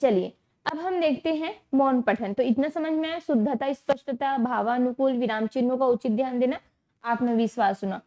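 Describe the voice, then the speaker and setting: A woman with a high, warm voice teaches an exam-prep lecture. Checking understanding with rhetorical questions, she repeats the key terms slowly.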